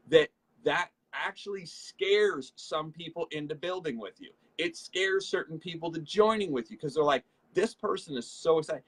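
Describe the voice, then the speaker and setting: Male motivational co-host, slightly husky, energetic, keeps mimicking the people he talks about. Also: fairly high pitch, low-quality recording. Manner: energetic, repetitive, acts out quoted people. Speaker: show co-host, network marketing trainer. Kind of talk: motivational leadership talk.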